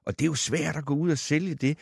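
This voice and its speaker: A man's voice: fairly high pitch, gravelly, breathy edge, dry recording, clean studio sound. A man hosting a radio talk show, questioning his guest in a debate, with frequent restarts. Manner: challenging, lively questioning with restarts. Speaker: radio host. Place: radio studio.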